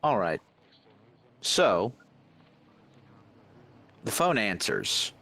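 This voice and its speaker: A man narrating a tabletop horror game as game master, in a measured, descriptive way. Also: lowish voice, big pitch swings, bright, forceful tone.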